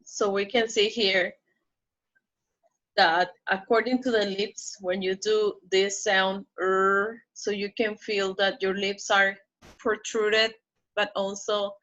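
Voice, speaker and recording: A woman teaching English pronunciation in a recorded lesson, explaining step by step and checking in with "okay?", slowing down to model the target words. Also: mid-range voice, level tone, bright, forceful tone, dull audio.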